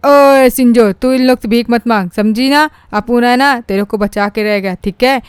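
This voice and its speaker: A woman voicing a loyal male dog sidekick in a fan dub of a game story, plotting in a hushed way. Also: on the high side, moderate pace, smooth, no room sound, natural voice. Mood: scheming. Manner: conspiratorial, hushed.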